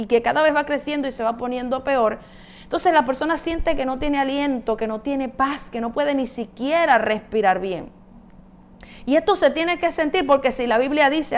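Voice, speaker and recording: A woman giving a Bible teaching, retelling a parable and explaining it earnestly to the listener. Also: sits high.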